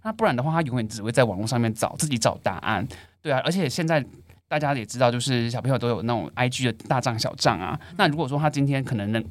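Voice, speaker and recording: A man, a teacher co-hosting a casual podcast chat, telling lively stories and laughing often. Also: medium pitch, fast, no room sound. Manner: animated storyteller, laughs often. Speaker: elementary school teacher, co-host.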